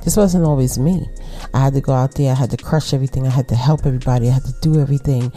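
A middle-aged woman with a Brooklyn accent hosting a casual solo podcast, talking to women listeners in a laid-back, unhurried, conversational way. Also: rumbling low, steady tone, warm tone. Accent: Brooklyn, New York. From Brooklyn, New York. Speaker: podcast host.

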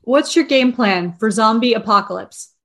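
A woman hosts a casual interview in a slightly high voice. She asks her questions quickly and stays friendly and upbeat. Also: animated. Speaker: interview host.

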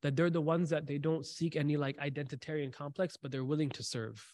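Guy teaching a faith class, talks quick, bit high voice, repeats lines for punch, dry sound. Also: fairly even intonation, a little mellow, dry recording. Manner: repeats key phrases for emphasis, asks the audience questions; recites short Arabic passages among English talk. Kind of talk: faith class talk with storytelling.

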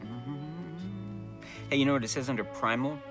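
A man's voice: mid-range voice, lively intonation, a little slow, over music. A man hosting a podcast, joking around in a playful, mock-dramatic way. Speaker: podcast host. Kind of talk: joking casual chat.

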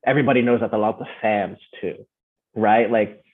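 A man's voice: lowish voice, steady tone, fairly quick. Man on a tinny phone line. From Philippines and United States. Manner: rambling, tag questions like "right?". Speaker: podcast guest, fan club founder. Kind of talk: casual interview chat.

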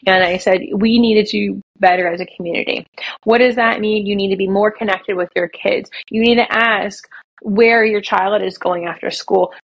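A woman's voice: medium pitch, steady tone, rough recording. A woman, a children's author and speaker, answering as a guest on a podcast in an earnest, emphatic way. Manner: earnest, emphatic, quick in bursts. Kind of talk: podcast interview.

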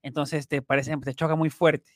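A man's voice: fairly high pitch, little pitch movement, moderate pace, no echo, studio quality. A man co-hosting a casual podcast chat, explaining at length with frequent restarts. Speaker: podcast co-host.

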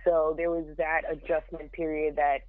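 A woman's voice: low-pitched, little pitch movement, moderate pace, dry recording. A young woman from Jamaica, a podcast guest, talking frankly and plainly about her life in a casual interview. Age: young adult. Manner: frank, straightforward. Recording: tinny phone line.

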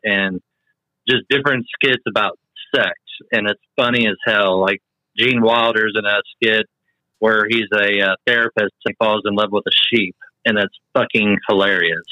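A man's voice: on the low side, sharp tone, dry recording, lo-fi sound. A man in his forties, a podcast guest chatting bluntly and enthusiastically about movies, swearing freely. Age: 40s. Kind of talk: casual chat about movies.

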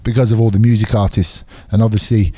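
With a lowish, dark-toned voice that barely moves in pitch, an English man talks fast as co-host of a laid-back podcast. He's an MMA referee who rambles through stories, laughs a lot and keeps restarting his sentences.

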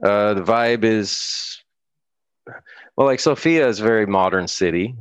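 Speaking as a guest on an interview, this middle-aged musician from the United States rambles casually, restarting sentences and laughing a lot. His lowish voice is clear and resonant, his pace unhurried, and the recording has no room sound.

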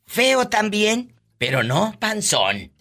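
A woman hosting a call-in radio show, teasing her callers loudly and breaking into shrieking laughs. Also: mid-range voice, sing-song, takes it slowly, very noisy. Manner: loud teasing, frequent shrieking laughs and catchphrases. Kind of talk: joking call-in radio banter. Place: radio studio.

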